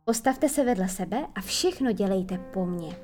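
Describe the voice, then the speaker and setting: A woman's voice: mid-range voice, animated, mellow, faint music behind, natural voice. A woman voicing a boastful, cocky boy who never grew up, eager and proud. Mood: bossy.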